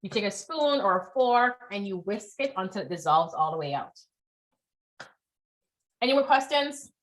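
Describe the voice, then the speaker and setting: A woman's voice: mid-range voice, animated, normal speed, rough recording. A woman leading a live online cooking class, chatty and encouraging, often checking in with her students.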